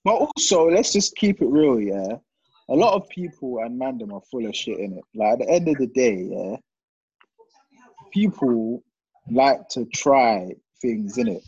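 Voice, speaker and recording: Husky young London roadman. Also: mid-range voice, lively intonation, measured pace, a little mellow, no echo, lo-fi sound. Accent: London, urban street slang. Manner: blunt, slangy, repeats himself for emphasis. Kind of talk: casual group banter.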